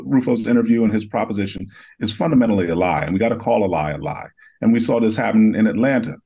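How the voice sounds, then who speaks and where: Super deep raspy guy, author on interview, reflective but emphatic. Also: a little mellow. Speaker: author and editor, guest. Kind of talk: interview answers.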